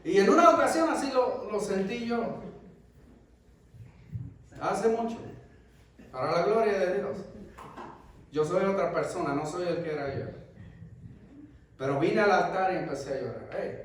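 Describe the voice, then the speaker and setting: Man, preacher, impassioned sermon, loud peaks and hushed asides, heavy church reverb. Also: high-pitched, lively intonation, a little slow, pauses often, slight background noise. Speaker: pastor. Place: church sanctuary. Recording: echoey church hall, mic far off.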